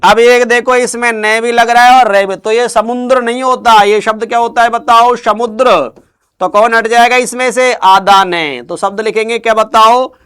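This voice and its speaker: A Hindi grammar teacher with a Rajasthani accent and a very high voice. He runs a spelling drill, asking the class questions and then drawing out each answer slowly. His voice is smooth and clear. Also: steady tone, fairly bright tone. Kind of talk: spelling lesson.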